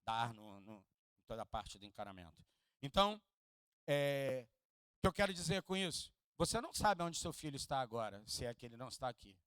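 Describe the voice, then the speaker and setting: A Rio de Janeiro pastor speaking Carioca Portuguese preaches briskly in a church hall, his clear, resonant voice sing-song as it shifts from hushed, low asides to loud, high peaks. He trades jokes with the congregation and has them repeat lines after him. The recording is dry.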